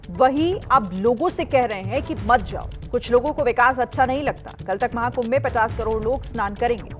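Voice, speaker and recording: Woman news anchor, formal and a touch high, faint music under. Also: fairly bright tone. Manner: crisp, formal delivery. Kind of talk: news reading.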